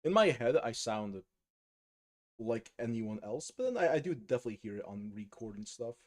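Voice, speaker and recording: Painting miniatures during a live stream, an American man raised speaking Polish chats and rambles in a relaxed way, full of fillers and restarts. He has a slight Polish accent and talks at a moderate pace in a medium-pitched voice.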